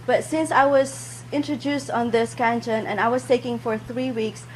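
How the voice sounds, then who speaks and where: A woman's voice: fairly high pitch, fairly even intonation, moderate pace, slight background noise, rough recording. A woman giving a hesitant, unscripted testimonial.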